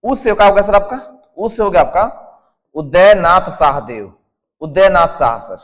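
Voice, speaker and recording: Unhurried and expressive, a man with a high, slightly bright voice and a Jharkhand Hindi accent teaches an exam-prep class, with a long reverb tail behind him. Working through a mnemonic on the whiteboard, he quizzes students by turning answers into questions and says each term again and again, constantly calling them "sir" out of respect.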